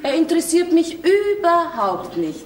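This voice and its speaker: Stubborn cheeky young bride, bavarian accent, far from mic, roomy. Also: female voice, very high-pitched, big pitch swings, unhurried, background noise, heavily acted. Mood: mocking. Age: young adult. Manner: cheeky, headstrong. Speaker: stage actress. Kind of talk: folk theater comedy acting. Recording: echoey stage sound, off-mic.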